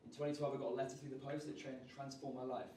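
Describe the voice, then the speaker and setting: A man's voice: medium pitch, rapid-fire, slight background noise. Man giving a roomy workshop talk. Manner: lively, shifts his energy up and down on purpose. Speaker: workshop speaker. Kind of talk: energetic public speaking workshop talk. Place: large room at a live workshop. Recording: roomy sound, voice from far off.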